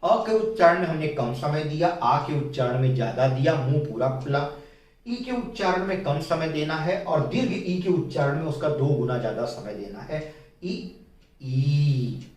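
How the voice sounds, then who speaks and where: A man teaching a Hindi spelling lesson, explaining slowly and repeating his key points with patience. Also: a little high, lively intonation, a little mellow. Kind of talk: whiteboard grammar lesson. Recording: very echoey room, mic at a distance.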